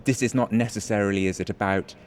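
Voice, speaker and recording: A man's voice: on the low side, steady tone, fast talker. A man interviewing a guest, asking thoughtful, probing questions. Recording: faint background noise.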